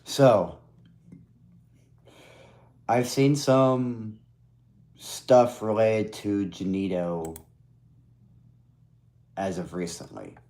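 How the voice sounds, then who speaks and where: A man's voice: on the low side, steady tone, extremely slow, long pauses, mellow. A man streaming from his computer at home, chatting casually in a rambling, hesitant way with blunt swearing. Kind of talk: casual live stream chat.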